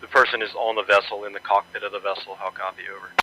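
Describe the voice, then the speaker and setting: Fast, flat man on crackly military radio. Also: lowish voice, lo-fi sound. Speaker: radio responder reporting to coast guard. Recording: quiet, distant, crackly radio transmission.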